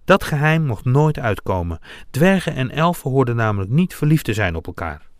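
Expressive male storybook reader. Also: mid-range voice, moderate pace, no room sound, studio quality. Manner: expressive, dramatic. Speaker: narrator. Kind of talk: children's storybook reading.

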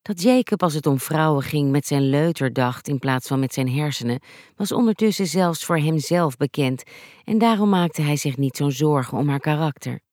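An audiobook narrator reading a story in an even, measured storytelling manner. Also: mid-range voice, no room sound, clean studio sound. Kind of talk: scripted narration.

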